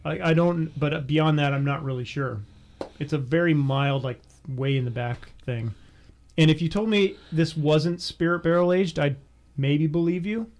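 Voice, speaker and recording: A man co-hosting a beer podcast, chatting casually with halting phrasing, many fillers and easy laughter. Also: on the high side, a little mellow. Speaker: podcast co-host. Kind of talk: casual chat over beer tasting.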